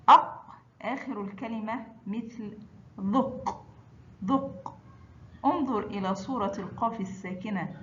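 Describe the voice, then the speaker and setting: A woman teaches pronunciation at a very slow, deliberate pace. She says each sound and word twice with careful stress. The recording is a little dull, with a faint hiss behind her. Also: medium pitch. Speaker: Arabic teacher. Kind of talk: slow, drilled pronunciation lesson.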